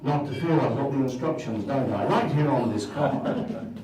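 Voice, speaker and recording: A man's voice: medium pitch, normal speed, a crowd in the background, close to an everyday voice. A man playing a jolly, bumbling Christmas wizard doing stage magic for a live audience, theatrical and chuckling. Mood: playful. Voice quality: theatrical, sing-song, chuckling. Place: stage in a hall. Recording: roomy hall, from far off.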